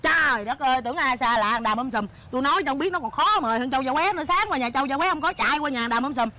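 A woman playing a shrill, nagging beggar wife. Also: lively intonation, racing, pushed and bright. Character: sharp-tongued beggar wife nagging her husband. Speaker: comic actor. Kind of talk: comedy sketch acting.

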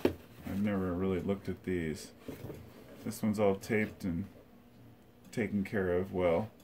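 Seated indoors beside a record shelf in his living room, a middle-aged man talks slowly through his box of old tapes in casual show-and-tell. His low voice stays steady as he rambles, thinking aloud and using plenty of fillers, against background noise.

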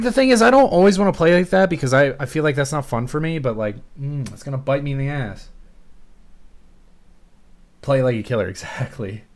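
A young man streaming a game, rambling and swearing as he talks to his chat in casual commentary. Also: fairly high pitch.

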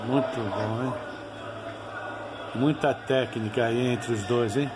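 A man's voice: mid-range voice, steady tone, slow, heavy background noise. A Brazilian man giving informal, nostalgic commentary as a channel host over old fight footage, often ending phrases with tag questions.

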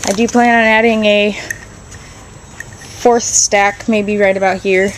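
A young woman who keeps rabbits vlogs a casual walkthrough of her straw-filled barn and yard, filming on a handheld phone as she moves indoors and out. Her voice sits at a medium pitch with little pitch movement, and she talks slowly, thinking aloud with lots of ums. The audio is poor, with a little hiss or hum.

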